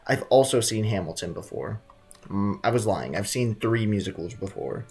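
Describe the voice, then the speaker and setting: This male live streamer has a lowish, animated voice and a moderate pace, with game music playing behind him. Streaming a game, he keeps things casual and joking with viewers and leans heavily on slang.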